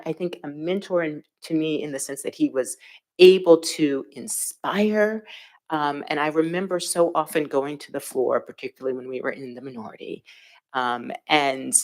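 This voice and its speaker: A woman with a low, deep-set voice speaks as a panelist. She tells her story in a reflective, unhurried way, pausing often and filling gaps with "um" and "you know". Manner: reflective, thoughtful storytelling with frequent fillers. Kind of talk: panel discussion.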